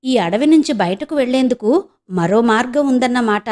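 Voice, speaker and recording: An earnest young village woman, as a woman narrator voices her in a storybook reading, pleading with a slightly high voice. She speaks with sincere urgency, keeping the everyday sound of the reader's own voice. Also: lively intonation, moderate pace, a little mellow, lightly acted. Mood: anxious, pleading. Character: young village woman searching for lost brother.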